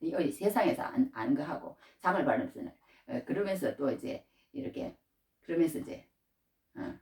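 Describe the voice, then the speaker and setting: A woman's voice: sits low, lively intonation, normal speed, a little mellow, far from the mic. A middle-aged woman preaching a sermon in a conversational way, raising her voice when she acts out scripture. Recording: roomy sound from away from the mic.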